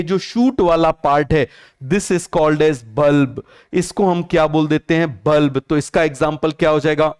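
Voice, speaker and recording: Male teacher, young, online class, fires questions and answers them, repeats terms, smooth clear tone. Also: fairly high pitch. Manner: mixes English terms into Hindi. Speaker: biology teacher.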